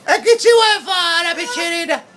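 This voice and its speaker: A woman with a Sicilian accent chatting with a pet bird in an animated, repetitive way, cooing and scolding. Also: very high-pitched, a little slow.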